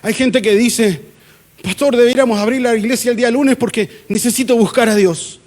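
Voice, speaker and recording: Chilean pastor guy preaching, kinda high voice, chatty and jokey, plays out little back-and-forths. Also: normal speed, a little mellow. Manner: conversational preaching with acted-out dialogue and humor. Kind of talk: sermon. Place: church.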